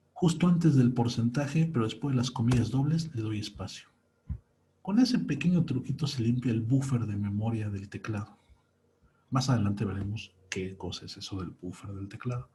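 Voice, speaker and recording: A man's voice: medium pitch, warm tone, slight background noise. A young man, patiently talking through a screen-recorded coding lesson step by step. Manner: patient, walks through each step aloud. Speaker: programming teacher.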